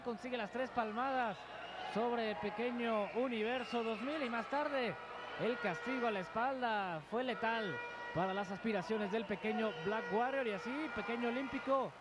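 A man's voice: extremely high pitch, normal speed, a crowd in the background. A man with a Mexican accent giving wrestling commentary and recaps in wordy, formal descriptive phrases. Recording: noisy arena broadcast, loud background din.

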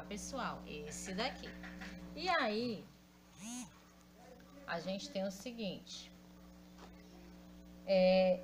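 Slow, patient Brazilian teacher woman. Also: a little high, noisy background. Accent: Brazilian Portuguese. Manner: slow, patient, spells out letters and repeats words syllable by syllable; affectionate with pupils. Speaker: primary school teacher. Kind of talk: recorded grammar lesson for children.

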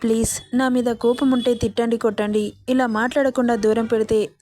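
A woman's voice: on the high side, level tone, fairly quick, dark tone, close to an everyday voice. A woman reading the lines of a hurt young wife who begs her husband tearfully for forgiveness. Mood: pleading. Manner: pleading, tearful.

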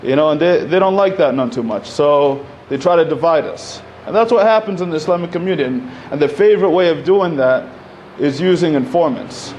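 A man in his thirties gives an unscripted talk into a podium microphone in a community center. His voice sits a little high for a man, and his speech is loose and conversational, full of fillers and restarts. Faint hiss and room noise hang under his voice. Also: expressive, a little fast, few pauses, a little mellow. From Egypt. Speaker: panel speaker. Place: community center hall, indoors.

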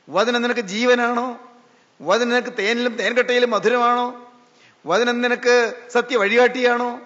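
A man's voice: very high voice, a bit bright. A male preacher delivering a sermon and pressing his listeners with repeated, searching questions. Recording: reverberant, dull lo-fi recording.

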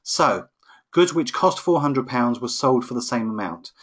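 A man's voice: mid-range voice, animated, unhurried, fairly bright tone. A man tutoring accounting in a live online lesson, explaining each step patiently over a computer microphone. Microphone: computer microphone on a webinar.

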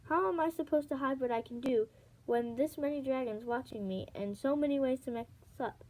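A woman's voice: high voice, fairly quick, darkish tone, slight background noise, close to an everyday voice, poor audio. A woman voicing a shy, anxious young female dragon who speaks hesitantly and stammers.

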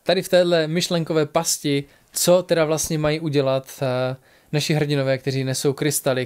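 A man's voice: a little high, darkish tone. A man narrating a fantasy fairy-tale audiobook, reading the heroes' dialogue and then addressing listeners directly.

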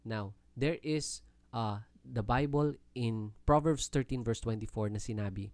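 A man's voice: medium pitch, measured pace, a little mellow, no room sound. A Filipino man with a Filipino accent giving an earnest, polite Bible teaching talk in mixed Tagalog and English. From Philippines. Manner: earnest, polite, often uses "po" and "no?".

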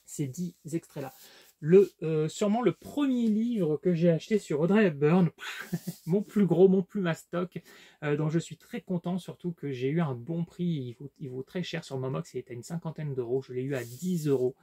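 A man's voice: on the high side, moderate pace, warm tone, slightly rough. A man casually showing his book collection in a vlog, talking with lots of fillers and restarts. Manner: hesitant, many fillers and restarts. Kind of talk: casual unboxing vlog chat.

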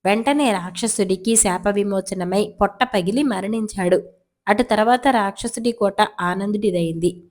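A woman's voice: medium pitch, normal speed, a little mellow. Woman reading children's stories aloud. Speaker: storyteller. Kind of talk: scripted storybook narration.

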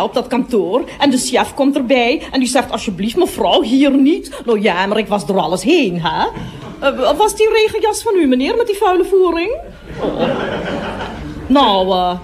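A gossipy middle-aged toilet attendant chatters through a radio comedy monologue. Her voice sits a little high and swoops up and down with lively expression. She keeps breaking off to address passing customers. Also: normal speed, crowd noise.

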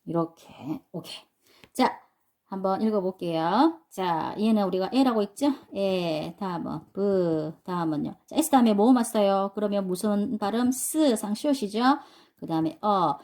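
A woman with a medium-pitched, slightly mellow voice teaches adults English pronunciation at a moderate pace, with lively intonation. Patient and repetitive, she explains step by step and often asks the class questions.

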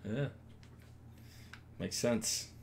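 A man's voice: fairly low pitch, very slow, creaky, a little hiss or hum. A man running a livestreamed tabletop game, blunt, sweary and laid-back in casual chat.

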